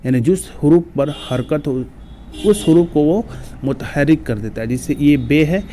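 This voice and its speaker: A man's voice: a little high, measured pace, mellow, a little hiss or hum. A male teacher giving an exam-prep grammar lesson, patiently explaining step by step and reciting lists of letters.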